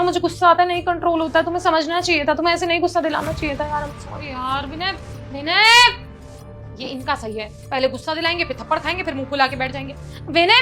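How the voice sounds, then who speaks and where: A woman's voice: very high voice, bright, forceful tone. An actress playing a hot-tempered young wife who pleads with her husband and scolds him by turns. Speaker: wife in a short drama. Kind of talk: scripted domestic drama acting.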